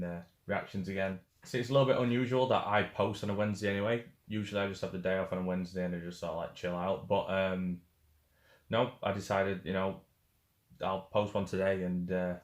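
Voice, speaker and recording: Laid-back, swearing man with a lowish voice. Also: reverberant. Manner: laid-back, swears freely, many fillers. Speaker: music reaction host. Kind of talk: casual reaction commentary.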